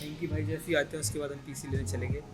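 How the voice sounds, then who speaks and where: Young guy vlogging in a gaming shop, kinda high voice, joking around, music playing loud behind him. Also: rapid-fire. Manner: lively, joking, excited. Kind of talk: on-the-spot vlog chat. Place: busy gaming store indoors.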